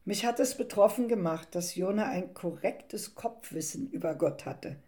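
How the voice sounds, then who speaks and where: A woman retelling a Bible story in the first person and then reflecting on it in a calm, thoughtful way. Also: mid-range voice, normal speed.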